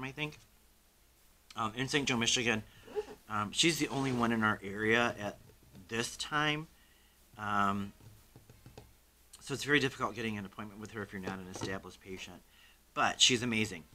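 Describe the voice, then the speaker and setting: A man speaking in a casual health vlog, his voice bright and forward. He talks in a chatty, blunt way, dropping in frequent ums as he goes. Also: mid-range voice. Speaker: vlogger.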